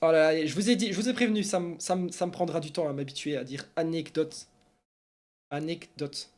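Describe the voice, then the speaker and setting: Streaming esports news, this Belgian man answers viewers in chatty, animated talk that rambles along with plenty of fillers. He speaks fast in a voice that is a little high.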